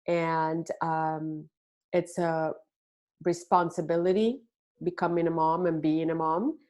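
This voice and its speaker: A middle-aged woman from Puerto Rico, a parenting expert answering interview questions with hesitant pauses and many ums. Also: low-pitched, steady tone, a little mellow. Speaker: podcast guest, parenting expert.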